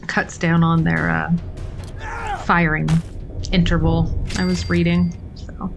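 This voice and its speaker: A woman's voice: fairly low pitch, flat delivery, slow pace, gravelly. A woman chatting casually and rambling while playing a video game, with self-mocking asides. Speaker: gaming streamer. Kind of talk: casual let's-play commentary. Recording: game music playing behind the voice.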